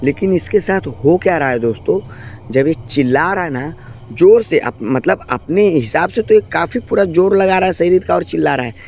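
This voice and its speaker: A man's voice: on the high side, a little mellow. Man telling a spooky story casually. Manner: conversational, repeatedly addresses listeners as friends. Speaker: horror storyteller. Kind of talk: casual spoken horror narration.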